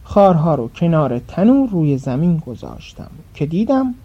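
A woman storyteller reads a first-person folk tale with expressive, lively pitch. Her voice is dark and a little husky, and the recording is dull and muffled. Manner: expressive, dramatic. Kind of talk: scripted storybook narration.

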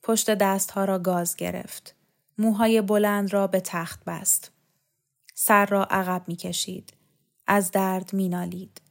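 A woman narrating a literary story in a calm, measured way. Her pitch is in the middle range. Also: gravelly. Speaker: story reader. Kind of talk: scripted narration.

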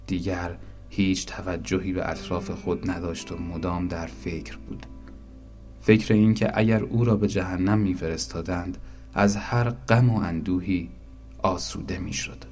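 Low-voiced male storyteller. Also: a little mellow. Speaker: narrator. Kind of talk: storybook narration.

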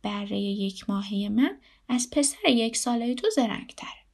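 A woman's voice: on the high side, vocal fry, a little mellow, slightly rough. A woman voicing a proud ewe who teases and boasts about her lamb. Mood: teasing.

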